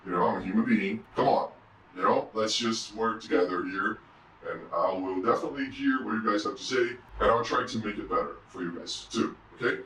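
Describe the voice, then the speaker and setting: An indie game developer records a casual, confessional vlog in his room, his voice pushed deeper by a pitch-shifting voice changer that still leaves a fairly bright tone. He hesitates and rambles, saying "you know" a lot. The sound is roomy and distant with a faint hum.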